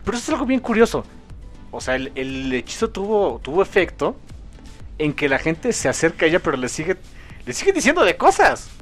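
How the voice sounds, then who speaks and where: A man co-hosting a casual comic review chat, animated and acting out characters' lines. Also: fairly high pitch, soft background music. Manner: animated, acts out characters' lines in quick voices. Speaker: podcast co-host.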